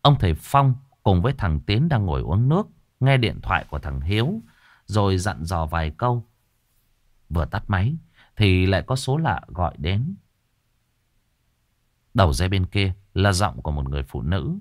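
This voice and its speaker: A man narrating a ghost story in a measured, dramatic manner. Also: low-pitched, sing-song, a little mellow, no room sound, studio quality.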